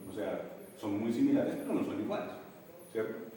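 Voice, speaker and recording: A man with a Colombian accent teaching English in a classroom, animated and addressing his students with local slang. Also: fairly low pitch, moderate pace, slight background noise. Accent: Colombian Spanish. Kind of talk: classroom lesson. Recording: echoey classroom, from far off.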